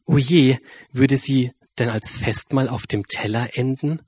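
A man reading a rhyming children's story aloud with a lively, drawn-out delivery. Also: mid-range voice, slightly rough, no echo.

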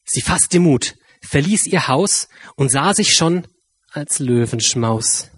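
A man reading a rhyming children's story aloud with a lively, drawn-out delivery. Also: fairly high pitch, husky, dry recording.

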